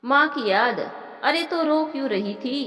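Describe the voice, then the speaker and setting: A woman's voice: high voice, lively intonation, a little slow, a bit bright. A woman playing a worried young husband. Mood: questioning. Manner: questioning, earnest. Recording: roomy with long reverb.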